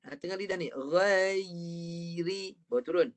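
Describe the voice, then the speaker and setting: A man's voice: fairly high pitch, expressive, normal speed. A man with a Malaysian Malay accent teaching an online Quran reading class, patiently modelling sounds for his student to repeat. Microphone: video call.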